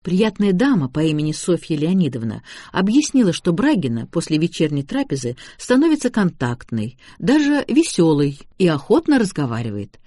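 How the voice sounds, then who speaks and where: Man narrating an audiobook, lively. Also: fairly high pitch, normal speed, hardly any pauses, no echo, clean studio sound. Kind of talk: first-person audiobook narration.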